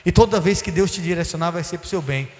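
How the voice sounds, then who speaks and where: Bishop type, man, high preaching voice, emphatic questions, church hall with long reverb. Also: quick pace. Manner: preaching with rising emphatic calls and rhetorical questions. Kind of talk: sermon.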